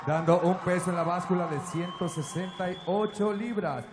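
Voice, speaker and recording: A man with a Mexican accent announcing fights like a lucha libre announcer, rattling off details and stretching names into dramatic shouts. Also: high-pitched, brisk. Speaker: ring announcer. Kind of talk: lucha libre style ring announcing in Spanish. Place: fight cage in an arena. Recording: echoey arena PA with crowd noise.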